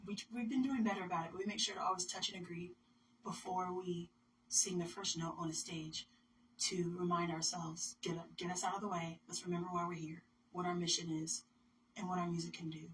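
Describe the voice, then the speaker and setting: Woman, musician guest, earnest reflective talk, slightly low pitch, distant mic, noisy. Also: fairly even intonation, brisk. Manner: earnest, thoughtful, drops to near whisper at phrase ends. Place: radio studio. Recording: distant mic with background noise.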